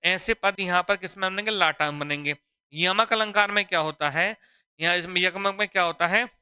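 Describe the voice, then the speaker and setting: A man's voice: sits high, bright, forceful tone, clean tone. A man teaching a Hindi grammar lesson for exam preparation. He often repeats his own questions and calls the students "beta". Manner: drawn-out, deliberate explaining.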